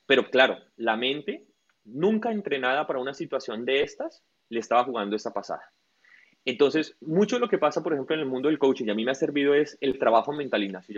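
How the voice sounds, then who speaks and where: A man, a guest coach in a casual interview, telling stories and acting out what people said. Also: medium pitch. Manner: tells stories with acted-out quotes. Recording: dull lo-fi audio.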